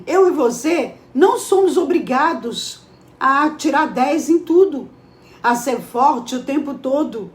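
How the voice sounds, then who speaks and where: A woman's voice: high-pitched, roomy sound. A woman giving a devotional sermon, emphatic and full of rhetorical questions to her listeners. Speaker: preacher. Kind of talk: devotional preaching.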